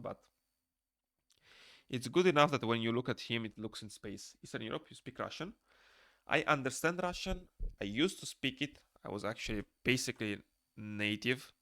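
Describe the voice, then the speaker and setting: Drawing live from a small indoor room, a young man from Moldova talks casually with his audience, reading chat messages out loud and replying in a rambling way. Romanian is his first language and he has a Moldovan accent; his medium-pitched voice is fairly bright, and the audio is studio quality with no room sound.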